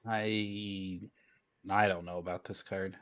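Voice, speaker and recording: Low-voiced, hesitant podcast co-host man. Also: little pitch movement, slow, a bit bright. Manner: hesitant, starts over often. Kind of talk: casual gaming chat.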